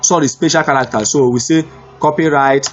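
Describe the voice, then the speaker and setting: A man giving a screen-recorded web development lesson, unhurried and repetitive, thinking aloud as he types. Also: on the high side, fairly even intonation, muffled recording, soft background music. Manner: unhurried, repeats himself, thinks aloud while typing. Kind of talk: screen-recorded coding tutorial.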